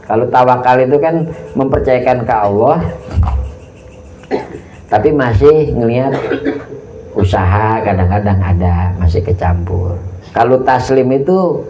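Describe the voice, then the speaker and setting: A man's voice: mid-range voice, lively intonation, unhurried, pauses often, warm tone, a little hiss or hum. A middle-aged man, giving an informal Islamic study sermon in folksy storytelling style, acting out prayers and dialogue. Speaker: religious teacher. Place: mosque study hall. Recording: echoey hall, faint ambience.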